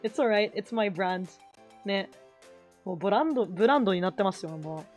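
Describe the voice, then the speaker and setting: A woman's voice: medium pitch, lively intonation, a little fast, darkish tone, faint music behind. A woman with a Kansai accent, chatting casually as a live-stream host, rambling and correcting herself as she switches between Japanese and English. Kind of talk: casual chat while drawing.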